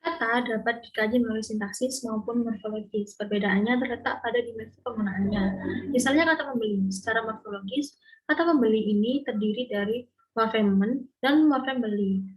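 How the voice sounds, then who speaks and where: Young woman, slightly high voice, careful lesson delivery with frequent restarts. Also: brisk, poor audio. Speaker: student presenter explaining syntax. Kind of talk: read-aloud lesson.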